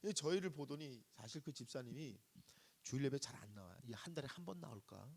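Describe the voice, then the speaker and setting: A man's voice: medium pitch, lively intonation, a little fast, vocal fry, a little mellow, husky. A middle-aged man preaching a sermon, telling a story and asking the congregation questions, acting out the voices of the people in it. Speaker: guest pastor preaching at a revival service.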